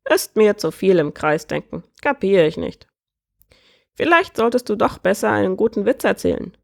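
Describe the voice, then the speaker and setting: A woman voicing a croaking, joke-loving male bird prince in a storybook reading, with a cheerful, joking manner. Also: mid-range voice, very animated, moderate pace, darkish tone. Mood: jokey. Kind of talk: storybook character voice.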